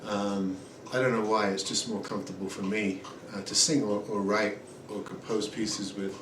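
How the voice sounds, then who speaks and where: Speaking at an ordinary pace with a fairly low pitch, a man in his forties offers a relaxed, meandering review of a guitar, peppered with ums and uhs. He's in a small room at home, captured by a camera mic at a distance, so the audio is roomy and noisy, with acoustic guitar playing.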